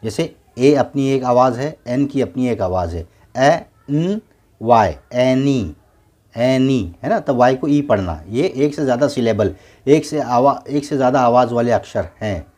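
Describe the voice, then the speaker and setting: A man's voice: mid-range voice, lively intonation, moderate pace, darkish tone. A man teaching a beginners' English lesson, patiently spelling words out letter by letter and repeating each word twice.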